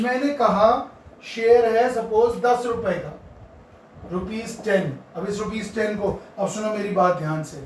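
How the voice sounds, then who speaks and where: A man's voice: sits high, slight background noise. A male accounting teacher giving a classroom lecture. He quizzes his students, answers his own questions and repeats key terms for emphasis. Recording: very echoey room, mic far off.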